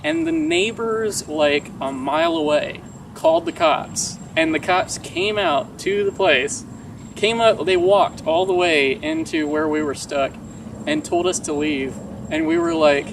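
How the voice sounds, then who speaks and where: A young American man casually telling an anecdote, swearing freely and animatedly acting out quoted dialogue. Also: fairly high pitch. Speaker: vlogger telling a story. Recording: distant mic, clear outdoor traffic noise.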